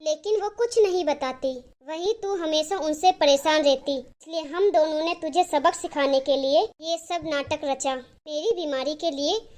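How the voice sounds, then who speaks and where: A woman voicing a gentle, ailing older mother in a cartoon story. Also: high voice, a little slow, few pauses. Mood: weary.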